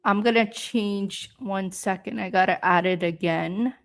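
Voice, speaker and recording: A woman from Canada speaks at a medium pitch while teaching English in a live-stream lesson on speaking. Her explanations are slow and patient, dotted with ums and uhs.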